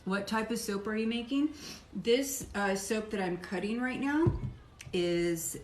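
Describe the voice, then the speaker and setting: A woman's voice: mid-range voice, unhurried. Woman, live-stream soap maker, rambling casual chat, noisy background. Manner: chatty, rambling, talks while chewing and working. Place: home soap workshop. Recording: echoey room with clear background noise.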